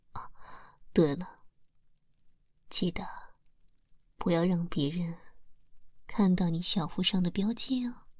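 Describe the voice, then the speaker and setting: A woman voicing a seductive female demon lord in an ASMR hypnosis roleplay, whispering slowly and softly with a breathy voice. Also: lowish voice, no room sound, clean studio sound, exaggerated voice. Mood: soothing. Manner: slow soft whispering.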